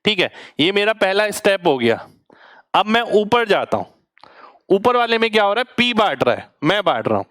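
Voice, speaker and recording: A male maths teacher in an online coaching lecture, working through a problem step by step and checking in with his students. His voice sits high and sounds smooth and resonant. The recording is close and dry, with little room sound. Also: sing-song, normal speed, fairly bright tone, no room sound. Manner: patient step-by-step explaining, often asks students to reply. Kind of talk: online exam-prep lecture.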